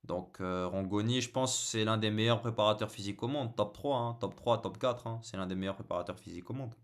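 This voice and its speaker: Host, male, lowish voice, halting filler-heavy live-stream football chat, jokey banter. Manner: hesitant, many fillers and repeated words; joking, casual banter with viewers.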